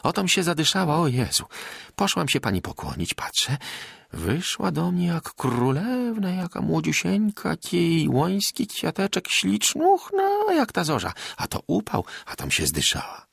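A man's voice: on the high side, wildly swooping pitch, measured pace, gravelly, a bit bright, slightly rough, no room sound, studio quality, pitched above the performer's own voice, full character voice. A male narrator voicing Magda, a breathless middle-aged village wife who gushes in rustic country talk. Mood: gushing.

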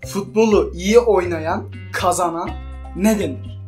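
A man's voice: high voice, a little slow, a little mellow, soft background music. A young man taking part in a joke challenge, speaking in short, casual, teasing lines. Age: young adult. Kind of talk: casual joking banter. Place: small room at home.

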